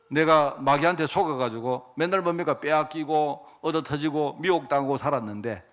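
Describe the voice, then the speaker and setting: Middle-aged male preacher, fairly high voice with a wide, expressive range, emotional, folksy sermon that keeps asking for agreement. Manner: emotional, conversational, asks the congregation for agreement. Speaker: pastor.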